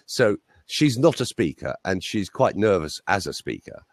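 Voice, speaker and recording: A man's voice: low voice, moderate pace, no room sound, clean studio sound. A man, a voice coach, telling anecdotes in a casual interview chat over a video call. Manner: lively anecdotal storytelling.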